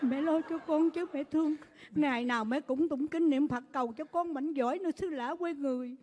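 A woman plays a sentimental middle-aged stepmother, pleading and lecturing in a very high voice. The stage adds a long echo. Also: brisk, darkish tone, lightly acted. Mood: tender. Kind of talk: live stage comedy skit.

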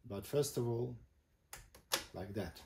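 A man giving an informal, step-by-step product demonstration as a host, speaking haltingly in short phrases. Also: medium pitch, vocal fry. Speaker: host demonstrating vintage boomboxes. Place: indoor room with a table of boomboxes. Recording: echoey room, loud noise, mechanical clicks.

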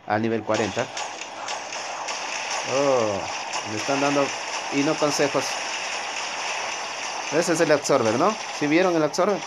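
A man's voice: a little high, background noise. A man giving casual, rambling commentary to his viewers while he plays a game. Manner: chatty, rambling, talks to viewers while playing. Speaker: gaming streamer.

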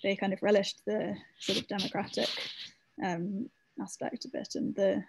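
A woman's voice: mid-range voice, vocal fry, darkish tone, slight background noise, rough recording. A woman author answering audience questions in an online talk, hesitant with many ums and restarts. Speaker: author speaking at a library talk.

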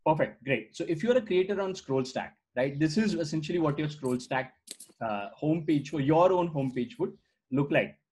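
A startup founder from India, whose first language is Gujarati, demos software by screen share over a video call from an indoor room. His voice is on the high side, expressive and slightly rough at a moderate pace, and he speaks conversationally with many "uh" fillers and "right?" tags. The sound comes through a webcam mic.

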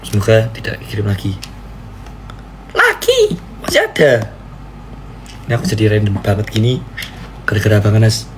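A man preaching and chatting on a live stream, playfully pleading and jumping into squeaky high cries, with a faint hiss behind him. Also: level tone, brisk, pauses often. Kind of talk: casual live-stream chat.

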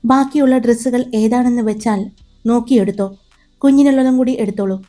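A woman's voice: on the high side, brisk, mellow, faint music behind, close to an everyday voice. Aryan, a woman reading a firm protective young husband. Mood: calm.

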